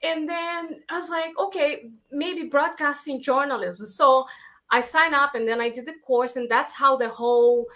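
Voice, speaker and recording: A woman from America, a guest telling stories about her career in lively casual chat. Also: high-pitched, normal speed. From Latin America. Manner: animated storytelling, acts out her own past thoughts in quotes. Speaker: guest filmmaker.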